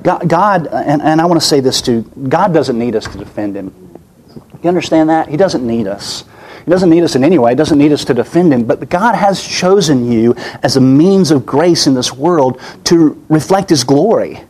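A man preaches with a slightly high voice that sounds weak and worn. He is earnest and keeps circling back, repeating words and restarting his phrases as he goes. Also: lively intonation, normal speed, darkish tone. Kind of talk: sermon.

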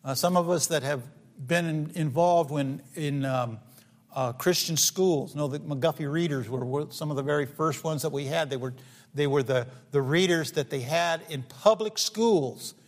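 Earnest preacher in a reverberant hall. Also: male voice, a little high, moderate pace. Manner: earnest, frequent fillers and restarts, asks the congregation questions. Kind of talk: sermon.

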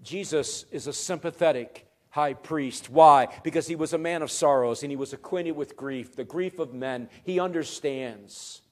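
A pastor delivers a sermon in a fairly high male voice. He pushes phrases up loud and emphatic, then lets them fall quiet and low. The preaching is earnest and emphatic throughout. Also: normal speed, few pauses.

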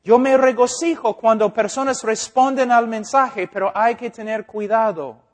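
A man's voice: extremely high pitch, steady tone, normal speed. A male preacher. He is an English speaker, so his phrasing halts and corrects itself. He often checks that his listeners understand. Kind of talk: informal teaching sermon.

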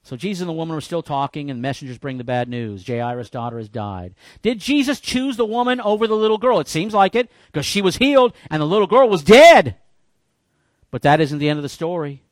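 A man preaching a sermon in church, folksy and joking, with animated bursts when he quotes people. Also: on the high side, a little fast, no room sound, clean studio sound. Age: 50s. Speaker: pastor.

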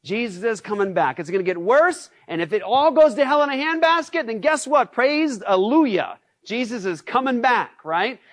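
A pastor preaching a sermon in a lively, conversational way, asking the congregation rhetorical questions. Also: male voice, very high-pitched, moderate pace, few pauses, no room sound. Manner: acts out shouted scenes.

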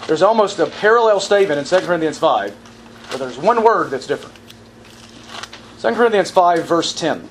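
A man's voice: on the high side, expressive, a little fast, long pauses, slight background noise, low-quality recording. A man teaching from the Bible in a sermon style, asking the audience questions and repeating verse references.

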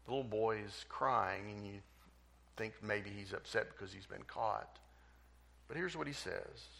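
A male pastor preaches a sermon in measured, emphatic phrases. His low voice is gravelly, with a bright, forceful edge. He turns hushed and solemn when he prays. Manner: measured storytelling with emphatic pauses.

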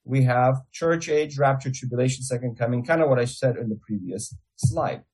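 A man's voice: medium pitch, moderate pace, a little mellow, breathy edge, low-quality recording. A man with a Russian accent giving a theology lecture as a Bible teacher, explaining things step by step.

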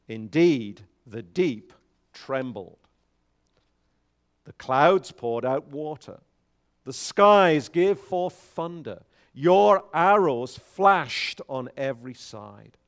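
A man speaks from a pulpit microphone in a church, reading scripture at a slow, deliberate pace. His voice sits at an ordinary middle pitch and swells with emphasis on key lines. Between readings he speaks more loosely, with frequent fillers. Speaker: pastor. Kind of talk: scripture reading and sermon announcements.

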